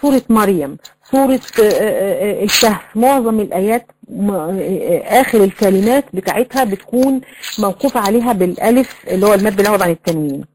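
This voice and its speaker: A woman's voice: medium pitch, animated, fast talker, darkish tone, slight background noise, rough recording. A woman with an Egyptian accent teaching a tajweed lesson, explaining rules, quizzing her students and drawing out recited examples. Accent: Egyptian Arabic.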